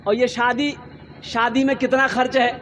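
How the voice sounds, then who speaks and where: A man's voice: extremely high pitch, flat delivery, moderate pace, fairly bright tone, a little hiss or hum, low-quality recording. A man with a Kolkata Hindi-Urdu accent preaching an Islamic sermon to a gathering, firing off rhetorical questions and emphatic exclamations.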